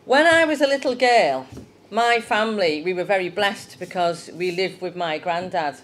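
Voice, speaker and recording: Woman, low-ish voice, friendly children's talk in church, faint hiss behind. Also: animated, moderate pace. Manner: chatty, asks the children questions.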